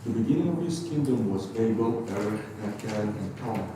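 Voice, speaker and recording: A man in a study group quietly reads a scripture passage in a lowish voice. He is far from the mic in a very echoey room, with a clear hiss behind. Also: lively intonation, a little fast. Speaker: Bible study participant reading aloud. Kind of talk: reading scripture aloud.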